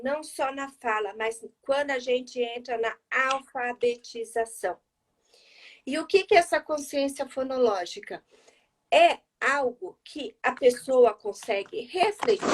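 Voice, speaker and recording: Lively woman explaining, answering viewers. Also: high voice. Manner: explains with rhetorical questions and examples. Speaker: speech therapy educator. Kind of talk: live-stream Q&A talk. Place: home, live video stream.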